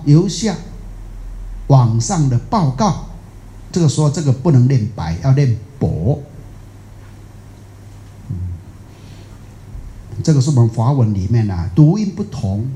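A Buddhist teacher with a Taiwanese Mandarin accent delivers a rambling, folksy dharma talk to a live audience, often pausing to question listeners. His mid-range voice is very dark and mellow, and the room adds an echo.

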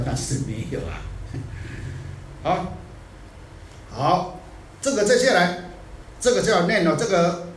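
A man giving a Buddhist dharma talk in a scolding, animated way, dropping in English phrases now and then. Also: a little high, slight background noise. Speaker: Buddhist teacher. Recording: echoey room, distant mic.

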